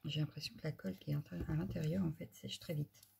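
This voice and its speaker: A woman's voice: low voice, fairly even intonation, brisk, gravelly, dark tone, breathy edge. A woman hosting a casual crafting tutorial, giving a chatty running commentary as she works, with muttered asides.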